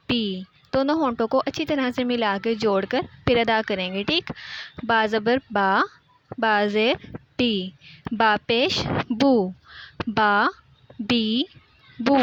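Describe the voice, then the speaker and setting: A young woman teaching an online lesson on reading Arabic letters, drilling each sound slowly and patiently. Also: fairly high pitch, a bit bright. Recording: dull lo-fi recording with faint hiss.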